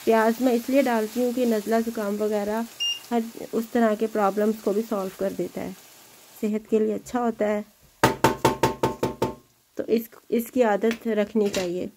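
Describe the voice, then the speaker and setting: A woman's voice: medium pitch, little pitch movement, moderate pace, background noise. A woman hosting a home cooking video, chatting in an encouraging way as she cooks in her kitchen. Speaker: home cooking channel host. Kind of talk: casual cooking demonstration.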